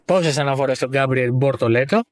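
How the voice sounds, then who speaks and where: Teasing podcast host, dry room. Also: male voice, medium pitch, dry recording. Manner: teasing, sarcastic, animated. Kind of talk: casual chat about motor racing.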